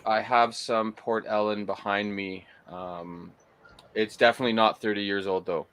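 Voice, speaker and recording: A man's voice: fairly low pitch, fairly even intonation, moderate pace, fairly bright tone, smooth. A man hosting a casual whiskey-tasting livestream chat, rambling with lots of fillers and restarts.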